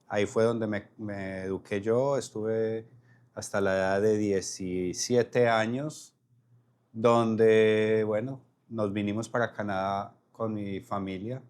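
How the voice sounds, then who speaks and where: A man's voice: fairly low pitch, fairly even intonation, slow, a little mellow. A man, a podcast guest telling his story with frequent restarts and repeated words. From Colombia. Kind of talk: casual interview conversation.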